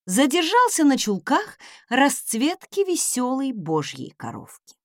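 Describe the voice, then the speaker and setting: Slow, highly expressive woman narrating an audiobook. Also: dry recording, studio quality. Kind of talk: first-person audiobook narration.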